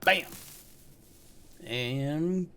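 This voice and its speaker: Excitable man narrating his gameplay. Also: a little high, extremely slow, creaky, background noise. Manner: chatty, easily excited, talks to viewers. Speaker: let's play host. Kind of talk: casual gameplay commentary.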